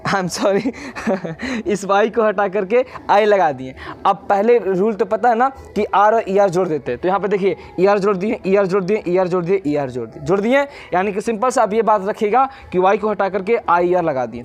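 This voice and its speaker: Male teacher, high-pitched, quizzes students with repeated questions while drilling a rule. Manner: drills by repetition. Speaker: grammar teacher. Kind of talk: classroom lecture.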